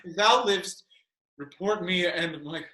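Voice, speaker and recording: A man performs an anguished young prince in Shakespearean tragedy. The voice is bright and unhurried, declaiming with vengeful force in a roomy, echoing home recording. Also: high-pitched. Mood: dying, sorrowful. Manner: declamatory, swinging from shouts to hushed lines. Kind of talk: Shakespearean stage acting.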